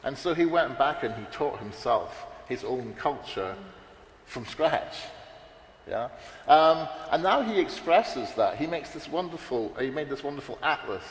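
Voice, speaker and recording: Expressive and a little slow, a man with a mid-range voice speaks unscripted on a panel, rambling and often restarting or filling pauses. The setting is a large, echoey hall, and faint noise lingers in the background.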